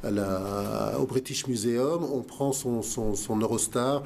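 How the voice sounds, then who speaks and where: Vocal fry colors this man's mid-range, darkish voice as he speaks slowly amid slight background noise. A museum director guesting on a radio talk show, he answers earnestly, stumbling through many fillers and restarts.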